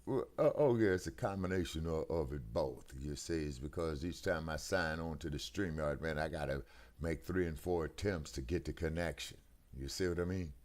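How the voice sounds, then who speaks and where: Through a headset on a glitchy video call, this American talk-stream co-host rumbles in a low, darkish voice at normal speed. In a casual political chat, he makes his points emphatically and preachily, repeatedly checking "you see what I'm saying?"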